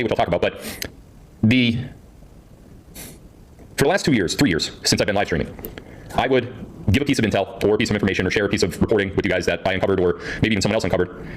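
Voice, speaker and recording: A man streaming live to his viewers through a voice changer that shifts his voice deep, talking casually and rambling, often repeating himself. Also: slight background noise. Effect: deep pitch-shifting voice changer.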